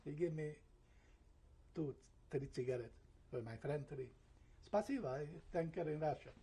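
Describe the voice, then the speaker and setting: Gravelly, husky elderly man recounting memories. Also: a little high, dark tone. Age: 70s. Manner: halting, broken English with searching pauses; slips into German and Hebrew words. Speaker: Holocaust survivor giving testimony. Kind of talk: oral history interview.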